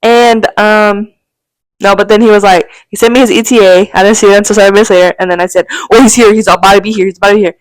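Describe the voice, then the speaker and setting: In a recording with no room sound, a podcast co-host speaks quickly in a mid-range voice. The young adult woman is animated and laughs often as she rambles through a story, acting out the quotes in casual conversation.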